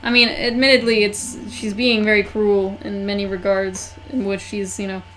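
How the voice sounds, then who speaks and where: A woman's voice: medium pitch, level tone, moderate pace, fairly bright tone, slight background noise, low-quality recording. A woman giving casual commentary as co-host of a game playthrough. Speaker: let's play co-host. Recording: music playing behind.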